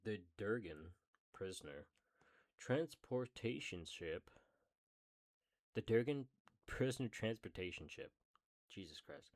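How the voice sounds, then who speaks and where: A man's voice: fairly low pitch, expressive, slow, long pauses. A man casually reading a book aloud, with swearing side remarks.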